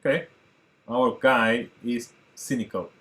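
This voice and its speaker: A man from Portugal in his thirties, a native Portuguese speaker, chatting excitedly to viewers as he reacts to an old film. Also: mid-range voice, slow. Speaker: movie reaction host. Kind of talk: casual reaction commentary.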